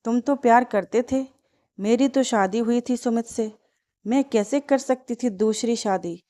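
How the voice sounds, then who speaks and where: A woman's voice: fairly high pitch, a little slow, mellow, lightly acted. A woman voicing a grieving, resentful young wife in a storybook tale. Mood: bitter.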